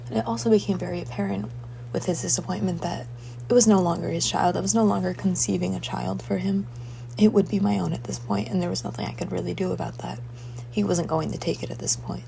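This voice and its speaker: A young woman casually recounting a dream in a halting, searching way, her voice breathy and slipping toward a whisper. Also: mid-range voice, fairly even intonation, warm tone, slight background noise, poor audio. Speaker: dream diarist.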